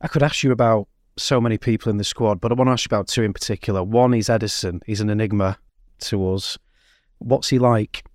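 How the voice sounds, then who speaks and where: A man's voice: fairly low pitch, fast, darkish tone, no echo, studio quality. A man conducting a conversational sports interview, asking chatty questions that often come in several parts. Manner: chatty, long multi-part questions.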